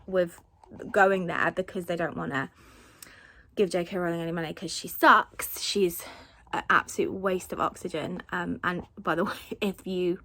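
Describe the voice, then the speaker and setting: A woman's voice: lowish voice, fairly bright tone. A woman, chatting casually to camera in a rambling way with lots of fillers, recorded as a phone video held at arm's length. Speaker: family vlogger.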